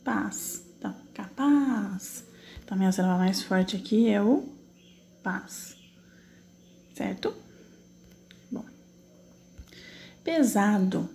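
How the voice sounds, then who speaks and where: Gravelly-voiced woman teacher. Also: medium pitch, animated, mellow, a little hiss or hum. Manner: patient, step-by-step, asks and answers her own questions; slow, drawn-out syllable spelling while typing. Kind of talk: online class correcting exercises.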